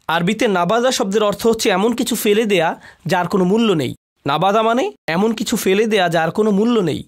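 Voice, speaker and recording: A man giving a religious lecture on a Quran chapter, explaining word meanings, reciting Arabic phrases and stressing key words. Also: sits high.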